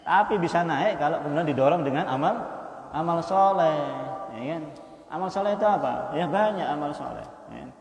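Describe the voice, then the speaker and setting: A man's voice: fairly high pitch, brisk. A man giving a Quran study sermon, repeating points and tagging them with "ya kan?". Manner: repetitive, punctuates with "ya kan?". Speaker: preacher. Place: mosque hall. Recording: roomy mosque reverb.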